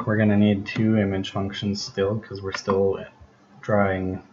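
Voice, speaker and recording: A deep-voiced man talks through his code in an unhurried, thinking-aloud way, his voice slightly worn. The recording is muffled and lo-fi, with a clear hiss running underneath. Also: little pitch movement. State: losing his voice. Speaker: programming tutor. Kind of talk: casual screencast explanation. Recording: dull lo-fi recording with background hiss.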